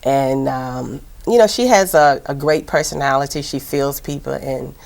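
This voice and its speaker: Very low, gravelly Southern-accented woman. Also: normal speed, a little mellow. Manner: chatty, rambling, many fillers. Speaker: TV host and producer, guest. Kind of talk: casual interview chat.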